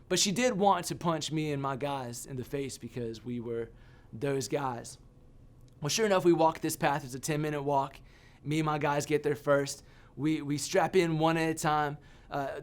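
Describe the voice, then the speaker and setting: Animated man preaching a story sermon. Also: on the high side. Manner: animated storyteller, self-mocking humor. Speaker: youth pastor.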